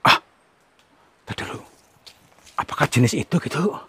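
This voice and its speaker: A man, from Central Java, hosting a ghost-hunting vlog outdoors in a forest, giving hushed commentary and coaxing with repeated soothing words. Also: moderate pace, dry recording. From Central Java, Indonesia. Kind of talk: hushed on-location exploration commentary.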